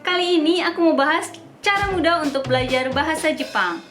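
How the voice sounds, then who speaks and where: A woman's voice: sits high, fairly quick. A young woman whose first language is Indonesian, hosting a casual language tutorial in an upbeat, chatty way and spelling words out letter by letter. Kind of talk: casual explainer vlog. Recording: echoey room with music behind.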